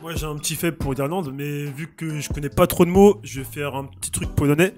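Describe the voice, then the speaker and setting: A man guest in a casual group chat, playful and quick to laugh. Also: on the high side, steady tone, a little mellow, faint music behind.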